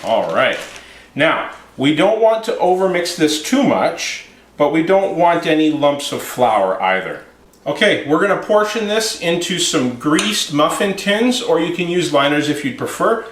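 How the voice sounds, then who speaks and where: A man leading a home cooking demonstration, calmly explaining each step to a child in a kitchen. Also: a little high, unhurried, slight background noise. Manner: calm, explaining steps to a child. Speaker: home cook. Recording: roomy kitchen echo.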